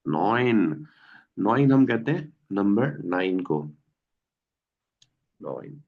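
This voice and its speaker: Male teacher, slow gravelly delivery, patient drills, dull lo-fi call audio. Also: on the low side, sing-song. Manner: patient, quizzes students and repeats words slowly. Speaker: German teacher. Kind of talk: online language class. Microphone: video call. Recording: dull lo-fi online class audio.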